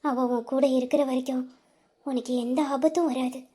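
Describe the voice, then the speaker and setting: A woman voicing a loving mother who softly consoles and reassures her crying son in an audio drama. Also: high-pitched, fairly even intonation, moderate pace, slightly rough. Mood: tender soothing. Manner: soft, soothing, reassuring. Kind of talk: Tamil audio drama acting.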